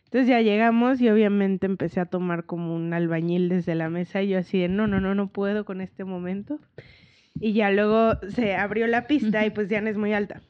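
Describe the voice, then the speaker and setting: A woman's voice: mid-range voice, steady tone, moderate pace. A woman in her twenties with a Mexican Spanish accent, dramatically telling a story in casual chat and acting out her own reactions. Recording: muffled lo-fi audio.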